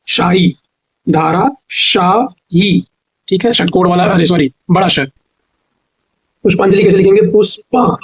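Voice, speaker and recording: This high-pitched, slightly mellow male teacher has a breathy edge and the accent of Hindi-speaking North India. He teaches grammar for an exam, answering his own questions and sounding words out slowly, one syllable at a time, over poor audio.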